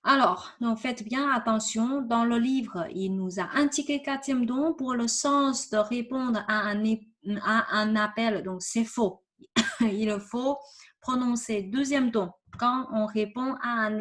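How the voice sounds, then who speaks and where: A woman's voice: fairly high pitch, slow, a bit bright. A woman teaching a vocabulary lesson over a shared screen, patiently repeating words and often checking with "ok?". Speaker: Chinese teacher.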